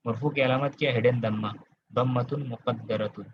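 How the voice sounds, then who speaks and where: A man's voice: medium pitch, fairly even intonation, a little fast, highs cut off, slight background noise. A man from Kolkata teaching Arabic grammar in an online class, explaining step by step, quizzing his students and checking in with them often. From Kolkata, India.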